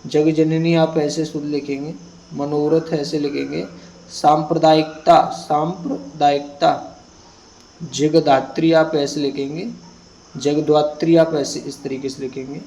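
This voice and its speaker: Gravelly man dictating a spelling lesson. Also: on the high side, little pitch movement, dark tone, low-quality recording. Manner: slow, repetitive word-by-word dictation. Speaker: Hindi teacher. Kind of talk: exam prep lesson, reading word list.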